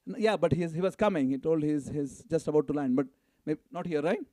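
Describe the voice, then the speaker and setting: Speaking fast in a warm, fairly high voice with no room sound, a temple event announcer and fundraiser makes live fundraising announcements. He is in front of a community gathering at the temple, pushing and prompting listeners to respond.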